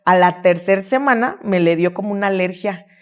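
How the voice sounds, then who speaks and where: Woman, interview guest, chatty and animated, voices her own quotes. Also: mid-range voice, fairly quick. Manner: lively, quotes herself and her son. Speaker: guest, gymnastics coach and sports mom. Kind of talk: casual interview storytelling.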